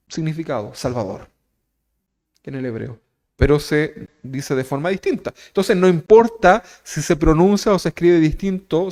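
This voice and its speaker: A man's voice: a little high, darkish tone. A man with a Chilean Spanish accent preaching a teaching sermon, talking conversationally and often checking in with his listeners. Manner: conversational, keeps asking "¿verdad?"; asks the congregation direct questions. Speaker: pastor.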